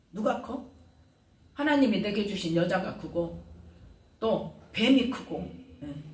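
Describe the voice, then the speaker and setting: A woman pastor delivers a sermon, peppering her listeners with rhetorical questions and swinging her voice between loud and hushed. She sounds set back from the microphone in a reverberant sanctuary. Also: on the high side. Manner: fires rhetorical questions at the congregation, dramatic swings in loudness. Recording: roomy sound from a distant mic.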